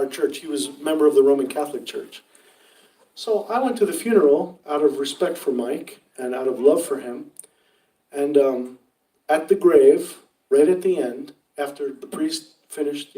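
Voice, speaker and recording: A man's voice: on the high side, mellow, distant mic, rough recording. A male priest giving a conversational retreat sermon, asking the listeners questions and acting out the things people say. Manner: conversational, rhetorical questions, acts out quotes.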